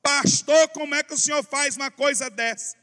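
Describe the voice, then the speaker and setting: A man voicing a difficult elderly widow from his congregation who loudly complains, with a reproachful, whining manner. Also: extremely high pitch, a little slow. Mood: complaining. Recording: long church hall reverb.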